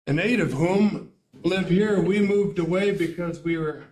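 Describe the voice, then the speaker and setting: An older man speaking at a school board meeting, emotional and tearful, rambling with many pauses and fillers. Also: sits high, darkish tone. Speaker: parent addressing school board. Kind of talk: public comment at a meeting. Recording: echoey meeting room.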